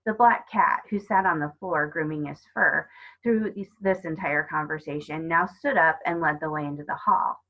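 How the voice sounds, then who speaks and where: A woman teacher reading a children's novel aloud in a calm, steady way. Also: deep voice, normal speed. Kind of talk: storybook read-aloud. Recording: dull lo-fi recording.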